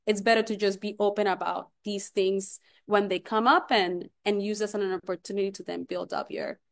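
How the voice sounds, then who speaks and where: A woman's voice: medium pitch, fairly even intonation, a little fast. A woman from Puerto Rico speaking on a panel as a community researcher, earnest, with frequent restarts and fillers. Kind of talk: panel discussion.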